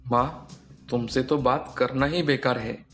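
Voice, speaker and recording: A man's voice: medium pitch, fairly even intonation, a little slow, fairly bright tone, natural voice. A man voicing an earnest young son who pleads with his mother and argues for fairness in a cartoon story. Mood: pleading. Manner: pleading, reasoning, frustrated.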